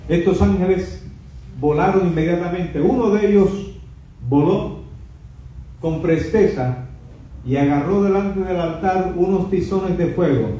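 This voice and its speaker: A man preaches a Bible study sermon with emphatic delivery and a mellow, dark tone. He is heard from away from the microphone. The room echoes strongly and the sound is dull. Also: sits high, a little slow, pauses often, distant mic, slight background noise. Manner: emphatic, dramatizes scripture quotes. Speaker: pastor teaching a Bible study.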